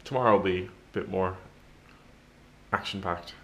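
A man in his twenties chatting casually to the camera at home, sounding tired and low-key, rambling with pauses. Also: fairly bright tone, a little hiss or hum. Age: 20s. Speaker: daily vlogger. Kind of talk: casual vlog chat to camera. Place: home kitchen-living room, indoors. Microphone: camera at arm's length.

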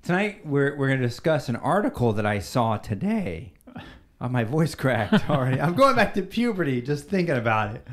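Lively joking man hosting a podcast. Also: medium pitch, fairly quick, hardly any pauses. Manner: joking, animated banter. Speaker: podcast host. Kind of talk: casual chat.

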